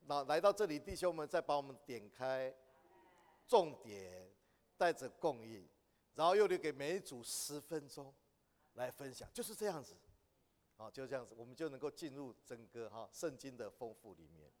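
A man's voice: medium pitch, expressive, moderate pace. Man teaching in a reverberant hall. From Taiwan. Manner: asks the audience questions, rising to emphatic exhortation. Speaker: church class teacher. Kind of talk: church training lesson.

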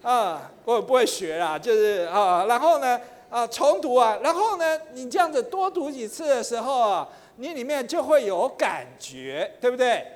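High-voiced man preaching in a hall. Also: very animated, moderate pace, hardly any pauses. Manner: chatty, many fillers, chanting prayer. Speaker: church teacher. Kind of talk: sermon teaching. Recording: long hall reverb.

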